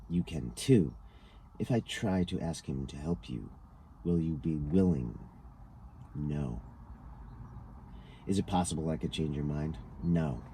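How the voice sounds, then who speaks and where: Against noticeable background noise on a rough recording, a man with a very deep, dark-toned voice reads out a scripted interview, speaking each participant's lines in turn from the transcript.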